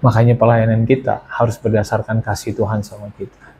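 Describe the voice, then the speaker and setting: A man's voice: lowish voice, completely flat delivery, brisk, dark tone, a little hiss or hum. A man giving a casual sermon and personal testimony, often asking and answering his own questions. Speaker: preacher sharing testimony.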